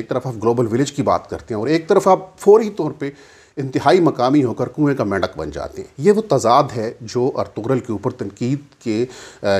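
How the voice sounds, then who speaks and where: Husky-voiced man arguing his point. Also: medium pitch, darkish tone. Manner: argumentative, rhetorical questions, emphatic. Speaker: commentator. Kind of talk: opinion monologue.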